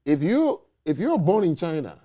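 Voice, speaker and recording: Guy hosting a debate show, warm low tone, hammers his points home. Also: very animated, normal speed. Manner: emphatic, repeats points with "okay?" and "you know". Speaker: host. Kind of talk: casual debate talk.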